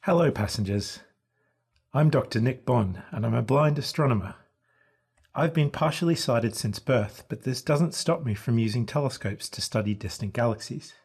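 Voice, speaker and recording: Husky male astronomer narrating a planetarium show. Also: mid-range voice, animated, normal speed, a little mellow. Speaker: astronomer, guest tour guide.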